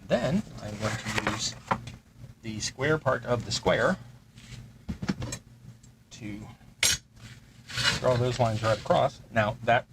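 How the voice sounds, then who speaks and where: This terrain-crafting host from Texas speaks slowly at medium pitch, pausing often as he mutters to himself and rambles while building miniatures. The casual chat is recorded with a lot of noise.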